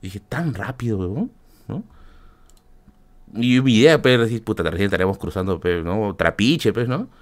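Man, Peruvian Spanish accent, lowish voice, lively swooping intonation, profane casual storytelling, lots of fillers. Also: moderate pace. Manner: animated, profane, many fillers and tag questions. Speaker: podcast host.

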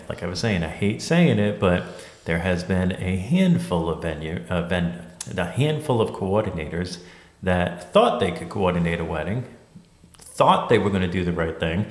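A man who runs a wedding venue, talking casually and telling stories in a group discussion. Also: deep voice. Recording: echoey room.

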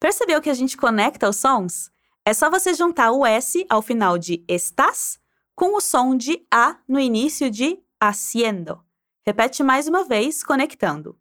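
Lively woman teaching Spanish. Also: sits high, unhurried. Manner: encouraging, prompts listener to repeat aloud. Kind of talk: guided pronunciation drill.

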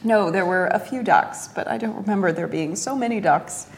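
A woman's voice: medium pitch, moderate pace, big-room sound, a little hiss or hum. A woman chatting casually as a player in a tabletop game.

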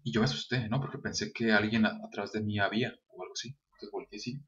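A man's voice: lowish voice, steady tone, fast, a bit bright. A young man with a Mexican accent, earnestly telling a personal anecdote straight to his viewers. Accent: Mexican Spanish. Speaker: vlogger. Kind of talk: casual storytelling to camera. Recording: dull lo-fi sound.

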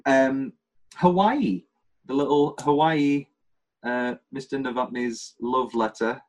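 A man's voice: medium pitch, slow, low-quality recording. A British man hosting a casual film podcast, rambling and jokey as he runs through favourite scenes. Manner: rambling, jokey, quotes scenes in funny voices. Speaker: podcast host.

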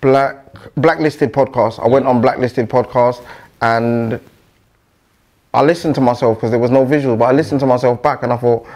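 A man's voice: medium pitch, fairly even intonation, normal speed, darkish tone. A man with a London roadman accent in casual podcast chat, using street slang and frequent tag questions. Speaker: podcaster being interviewed.

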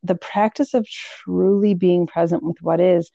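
A woman's voice: on the low side, fairly even intonation, measured pace, gravelly, dark tone, no echo, dull audio. A woman from Philadelphia hosting a thoughtful conversation, searching for her words as she goes. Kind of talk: reflective conversation.

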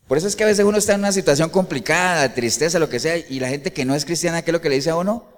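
A male pastor delivering an animated sermon, often putting rhetorical questions to the congregation. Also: fairly high pitch, rapid-fire, in a large hall.

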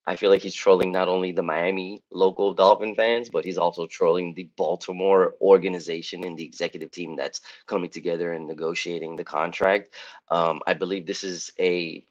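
A man's voice: low voice, little pitch movement, brisk, highs cut off. A man co-hosting a sports podcast, giving emphatic, opinionated takes. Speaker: podcast co-host. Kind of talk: casual sports chat.

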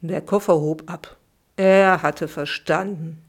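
A middle-aged woman, a children's author, reading her own bedtime story aloud for a podcast in a lively, expressive way. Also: on the low side, slow pace, background noise.

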